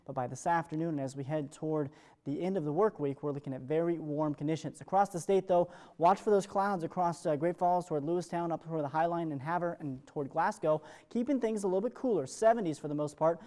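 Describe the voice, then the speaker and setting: This male TV weatherman delivers a live morning forecast at a brisk pace, his patter upbeat and ad-libbed. He has a voice on the high side, mellow and smooth-edged without sharpness.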